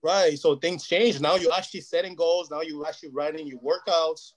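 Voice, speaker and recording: A man whose first language is Portuguese talks earnestly and at length as a guest in a casual interview, often checking "you know what I mean". His voice is fairly high-pitched, with fairly even intonation and a slightly fast pace.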